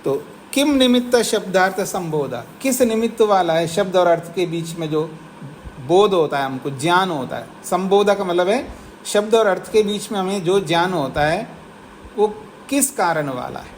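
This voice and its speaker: A man teaching a class, explaining a classical text patiently, asking his students questions and slowing down to read the Sanskrit lines aloud. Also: high voice, lively intonation, a little hiss or hum, rough recording. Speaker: teacher of philosophy. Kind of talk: classroom lecture on scripture. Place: ashram classroom.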